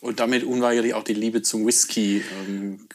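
A man's voice: on the low side, little pitch movement, moderate pace, crowd noise. A man hosting a podcast who asks friendly questions and laughs along with his guest. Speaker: podcast host. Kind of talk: casual interview chat.

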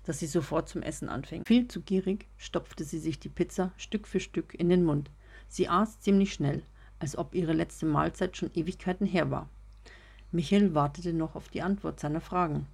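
A woman reading a story aloud as narrator, in a steady, measured way. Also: on the low side, creaky, husky. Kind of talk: audiobook reading.

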